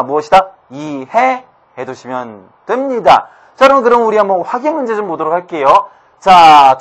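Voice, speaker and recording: Male lecturer with a high voice, brisk, keeps quizzing the class with rhetorical questions. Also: a bit bright. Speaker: teacher. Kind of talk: online grammar lecture.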